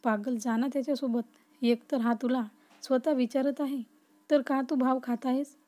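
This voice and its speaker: Lively young woman in a family story, high and mellow, as the narrator voices her. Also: moderate pace, close to an everyday voice.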